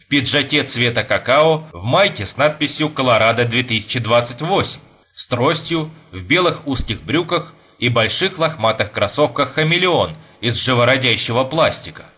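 A man narrating a novel as an audiobook in a steady literary reading. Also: medium pitch, husky. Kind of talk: scripted narration.

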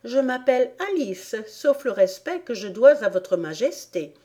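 A courteous little girl in a storybook speaks brightly, a little higher than the narration, as a woman reader puts her on. She stays polite, with a bold streak underneath. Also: animated, unhurried. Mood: polite lively. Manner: polite, then spirited.

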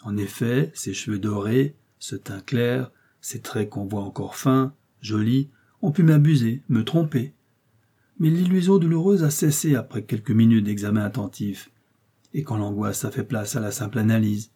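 A man's voice: fairly low pitch, normal speed, warm tone, slightly rough. A male audiobook reader voicing a confident detective chief who lays out his deductions insistently. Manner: emphatic, insistent explaining. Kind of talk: audiobook character reading.

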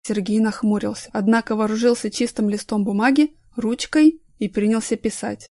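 Woman narrating a story, fairly high voice. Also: fairly even intonation, normal speed, dark tone, dry recording, clean studio sound. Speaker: audiobook narrator. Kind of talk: scripted narration.

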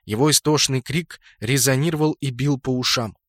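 A man narrating a fantasy audiobook in a steady, measured storytelling voice. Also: medium pitch, no echo, studio quality. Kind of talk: scripted narration.

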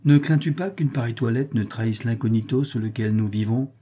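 A man's voice: medium pitch, fairly quick, mellow, slightly rough, lightly acted. A man reading the part of an anxious noble mother who pleads with her son, his voice lifted a little. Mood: anxious pleading. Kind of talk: audiobook character voice.

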